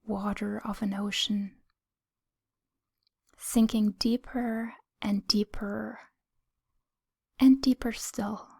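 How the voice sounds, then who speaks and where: In a calm, breathy whisper, a woman leads listeners through a guided meditation. Her mid-range voice stays soothing and gentle, with short phrases and long pauses.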